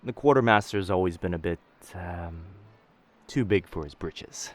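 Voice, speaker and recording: In an intimate roleplay audio drama, a man voices a pirate captain who is dangerous yet gentle, protective and commanding, using old-fashioned seafaring speech. His natural voice sits low at a moderate pace, sounding amused and reassuring.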